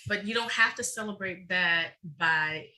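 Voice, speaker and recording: In poor-quality audio, a middle-aged researcher joins a podcast as a guest, her voice on the low side and pushed and bright. She talks fast, with passion and strong emphasis.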